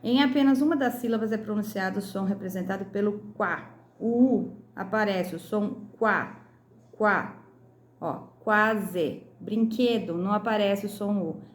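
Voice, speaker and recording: A Brazilian woman teaching young children, speaking slowly and sounding out each syllable. Her voice sits at an ordinary pitch. The room around her is echoey. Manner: slow, clear, syllable by syllable. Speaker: primary school teacher. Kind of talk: recorded lesson correcting a workbook.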